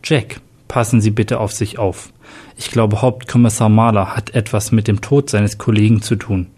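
A man voicing a wary male police partner in a read-aloud crime story, speaking in a hushed, confiding way. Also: on the low side, fairly even intonation, moderate pace, husky.

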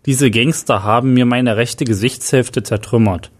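A man voicing a disfigured half-faced man who turns from eerie stranger to warm, earnest friend, speaking slowly and low at first. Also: close to an everyday voice.

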